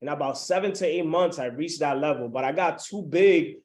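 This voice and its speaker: A man's voice: on the high side, a little fast, a little mellow. A man in his twenties from the Dominican Republic, hosting a motivational webinar over a video call and keeping the audience engaged. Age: 20s. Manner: hyped, keeps checking in with the audience. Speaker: webinar host.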